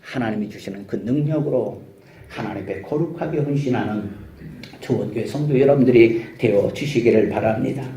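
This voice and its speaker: Here a pastor with a warm, mid-range voice preaches fairly quickly, and there's a little hiss or hum on the recording. The church sanctuary echoes as he emphatically fires off rhetorical questions and shouts of hallelujah.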